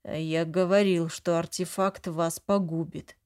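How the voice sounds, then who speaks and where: A woman voicing a cold, sardonic male duke who gives clipped orders in a low voice. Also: steady tone, unhurried, a little mellow, smooth, close to an everyday voice. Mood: curt.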